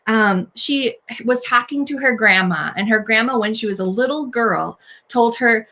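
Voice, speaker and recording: Woman, host, faith-based encouragement talk, earnest, direct, fairly high voice. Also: moderate pace, pushed and bright. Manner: earnest, encouraging, talks straight to the listener.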